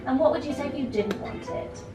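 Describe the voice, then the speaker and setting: A woman teaching etiquette to a young group, prim, polite and gently encouraging. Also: high-pitched, expressive, brisk. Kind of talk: instructional talk to a young group. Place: echoey indoor tea room with clinking china. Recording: echoey room, distant mic, loud music, clinking dishes.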